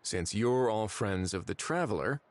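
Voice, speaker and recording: A man's voice: fairly low pitch, lively intonation, a little slow. An actor voicing a composed, authoritative male investigator in a video game.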